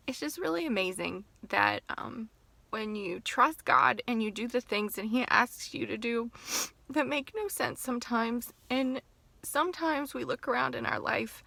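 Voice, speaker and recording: A woman's voice: high voice, creaky, sharp tone, no room sound. A middle-aged woman talking casually in a personal vlog from her parked car, heartfelt and rambling, sometimes tearful. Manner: emotional, tearful at times, rambling. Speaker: author and teacher.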